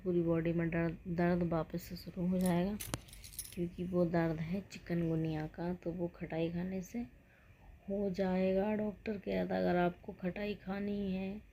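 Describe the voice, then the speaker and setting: A woman's voice: mid-range voice, highs cut off, slight background noise. A woman in her thirties chatting casually to her viewers, unwell and rambling, sometimes dropping to a whisper. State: unwell with joint pain. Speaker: vlogger. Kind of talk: casual vlog chat.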